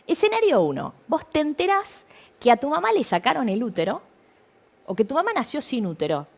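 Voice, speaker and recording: A woman's voice: sits high, a little fast, vocal fry. A woman with a Rioplatense Spanish accent, speaking as a studio interview guest and telling stories full of questions. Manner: animated, storytelling with questions.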